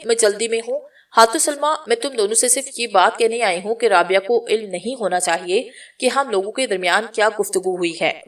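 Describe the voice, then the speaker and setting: A woman's voice: mid-range voice, distant mic. Woman reading a novel aloud. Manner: reads all the characters' lines in her own voice. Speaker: storyteller. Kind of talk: scripted novel narration.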